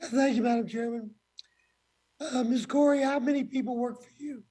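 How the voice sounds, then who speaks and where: A man questioning witnesses as a legislator at a formal hearing, blunt and folksy, in halting short phrases. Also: very high-pitched, steady tone, warm tone, husky.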